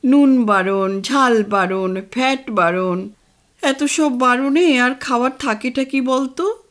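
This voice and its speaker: A woman voicing a stubborn, food-loving retired father in his sixties, who jokes and grumbles slowly. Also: on the high side. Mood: teasing. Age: over 60.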